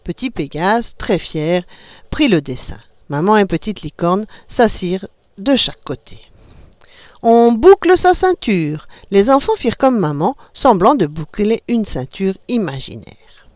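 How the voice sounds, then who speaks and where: A woman reading a children's story aloud in an expressive, animated way. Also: mid-range voice, a little slow, no room sound, studio quality.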